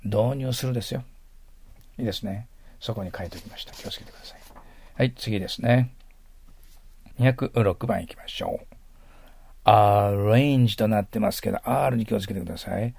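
A man's voice: lowish voice, moderate pace, creaky, pauses often, a little mellow, slightly rough, no room sound. A middle-aged man teaching an English vocabulary lesson, patient and drilling pronunciation with frequent tag questions.

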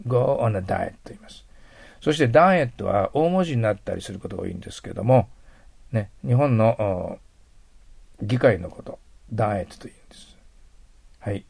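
A middle-aged man gives a patient vocabulary lesson in a low, gravelly voice with a husky edge. He explains each point at an even pace, and his phrases often fade into a near whisper. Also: brisk, pauses often. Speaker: English teacher.

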